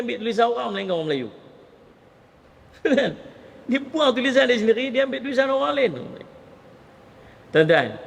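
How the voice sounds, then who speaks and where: High-voiced Malaysian preacher in echoing mosque. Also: male voice. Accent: northern Malay. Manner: lively, addresses audience as gentlemen. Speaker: Islamic preacher. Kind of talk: mosque lecture. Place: mosque hall. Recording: long reverb of a mosque hall.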